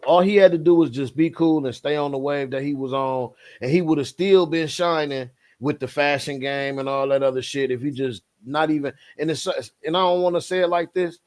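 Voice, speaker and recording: Animated higher-voiced man in casual chat. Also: brisk, few pauses. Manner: animated, emphatic, frequent "bro" and "like". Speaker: podcast co-host.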